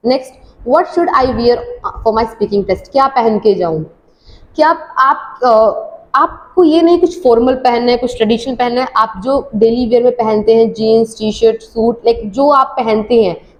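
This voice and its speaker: A woman from India, an English teacher, giving a casual IELTS speaking lesson. She explains in Hindi and reads the English tips slowly and clearly. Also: fairly high pitch, low-quality recording.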